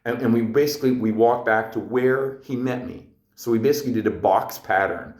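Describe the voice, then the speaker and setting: A man's voice: medium pitch, a little fast, a little mellow. A middle-aged man hosting a podcast, telling a story in a rambling, earnest, reflective way. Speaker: podcast host. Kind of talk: casual storytelling monologue. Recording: echoey room.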